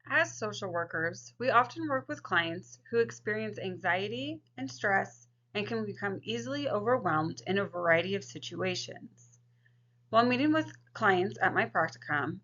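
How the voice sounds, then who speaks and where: A woman social work student giving a scripted instructional presentation in a creaky voice. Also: mid-range voice, a bit bright. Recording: dull, lo-fi microphone sound.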